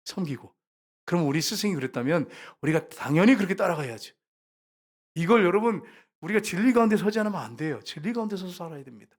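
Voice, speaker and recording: A male pastor delivers a Korean sermon in a church sanctuary. His voice sits slightly high for a man. He swings between quiet explanation and loud, emphatic appeals to the people in front of him. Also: lively intonation, fast talker. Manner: emphatic, rising to loud repeated calls to the congregation.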